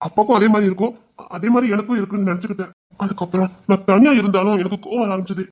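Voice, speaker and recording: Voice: mid-range voice, fairly even intonation, racing, close to an everyday voice. A voice actor playing a young husband who earnestly confesses his past temper in an audio drama. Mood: confessing. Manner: earnest, confessional, then teasing. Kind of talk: Tamil audio drama acting.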